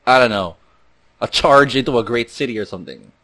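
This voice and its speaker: A man's voice: mid-range voice, a little fast, fairly bright tone. Rambling man hosting a podcast. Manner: rambling, loose delivery with many fillers and restarts. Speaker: podcast host. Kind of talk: casual podcast chat.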